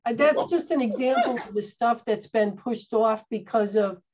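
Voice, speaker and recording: This town parks and recreation head speaks at a moderate pace in a voice on the high side, answering questions in a casual meeting discussion with some hesitant restarts. She's on a video call from her home office; the audio is dull and has a noisy background.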